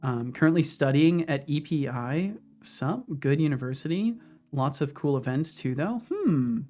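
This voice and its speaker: In his home office, a man in his thirties with a fairly high voice and a measured pace livestreams his coding work. A streamer and game developer, he casually chats with viewers between asides, while faint music plays.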